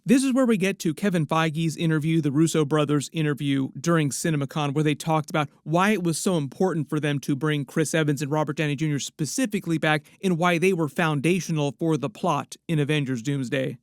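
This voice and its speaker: A man's voice: a little high, brisk, few pauses, no echo, studio quality. A man giving casual movie-news commentary in a rambling, speculative way with frequent asides.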